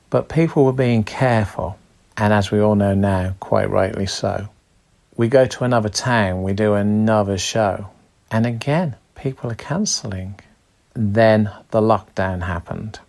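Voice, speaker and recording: A blind professional entertainer from Birmingham, giving a steady personal account of recent months. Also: male voice, fairly low pitch. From Birmingham, England. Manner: plain, steady storytelling.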